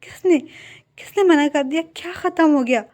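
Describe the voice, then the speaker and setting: A woman's voice: high voice, fairly quick, darkish tone, pitched above the performer's own voice, natural voice. A woman voicing an anxious, protective older sister who fires off urgent questions in a fan story reading. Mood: comforting.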